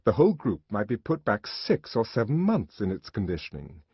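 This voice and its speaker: A husky-voiced man reads a novel aloud, his pitch rising and falling widely as he dramatizes the scenes. The voice sits on the low side and sounds close and dry. The recording itself is dull and lo-fi. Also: normal speed, no room sound. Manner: dramatic, expressive reading. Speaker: audiobook narrator. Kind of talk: scripted literary narration.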